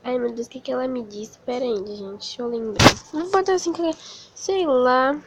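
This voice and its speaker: A woman hosting a casual vlog, talking nervously and slowly reading out her messages as she types them on a phone. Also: sits high, background noise. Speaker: channel host. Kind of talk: casual vlog commentary while texting.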